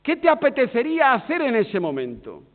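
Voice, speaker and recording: A man with an accent from Spain preaching a sermon in a church hall, swinging between loud emphasis and hushed, drawn-out words. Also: very high-pitched, wildly swooping pitch. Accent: Spain Spanish. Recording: tinny phone-like sound with long hall reverb.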